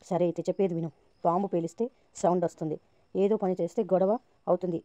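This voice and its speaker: A woman's voice: on the low side, flat delivery, quick pace, warm tone, lightly acted. A woman narrator reading the lines of a scheming, sarcastic young woman. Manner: sarcastic and goading.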